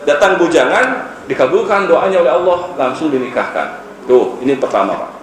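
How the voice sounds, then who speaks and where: A man's voice: a little high, lively intonation, brisk. A man preaching an informal sermon in a mosque. He tells a story with jokes, acts out its dialogue, and keeps addressing his listeners directly. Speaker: Islamic preacher. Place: mosque, after dawn prayer. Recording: roomy mosque echo with faint noise.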